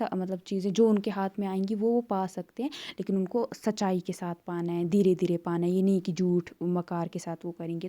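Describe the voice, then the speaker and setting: A woman's voice: mid-range voice, dark tone. A woman tutor walks through an exam paper in a conversational way, explaining step by step with many fillers.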